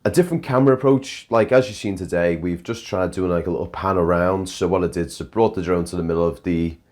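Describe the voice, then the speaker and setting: Over drone footage, a young man vlogs quickly in a deep, darkish voice. The talk is casual and chatty, rambling along with frequent restarts.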